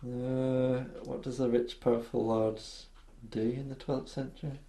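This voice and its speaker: A man's voice: mid-range voice, level tone, a little slow, dark tone, roomy sound. A man co-hosting a podcast in casual chat, agreeable and a little hesitant. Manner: hesitant, agreeable, lots of "yeah". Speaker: podcast co-host.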